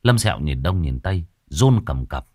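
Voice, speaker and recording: Low, animated male storyteller. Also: moderate pace, slightly rough, no room sound, clean studio sound. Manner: lively, dramatic storytelling voice. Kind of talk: ghost story narration.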